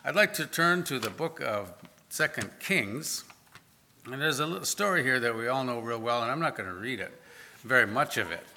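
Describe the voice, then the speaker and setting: Bright-voiced man preaching conversationally. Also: medium pitch, expressive, moderate pace, a little hiss or hum. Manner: informal, self-correcting, plain-spoken. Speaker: pastor. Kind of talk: conversational sermon.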